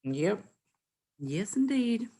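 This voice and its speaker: A woman's voice: medium pitch, sing-song, extremely slow, warm tone, breathy edge. Wry, matter-of-fact woman on a council call. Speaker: council member. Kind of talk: casual meeting chat. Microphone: video call.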